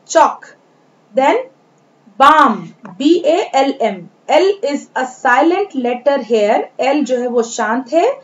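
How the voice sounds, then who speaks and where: A woman with an Indian accent teaches children how to pronounce English words, spelling each one out and saying it over and over. Her voice sits high and her pace is deliberately slow. The recording is dull and lo-fi. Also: darkish tone. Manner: slow, spells words letter by letter and repeats them. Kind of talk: classroom lesson on pronunciation.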